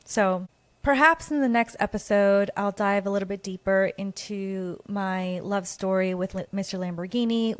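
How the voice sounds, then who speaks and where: Speaking alone into a close podcast mic, a Guatemalan woman opens up about her own life in an earnest, reflective personal monologue. Her voice is at an ordinary middle pitch, and the recording is dry with no room echo.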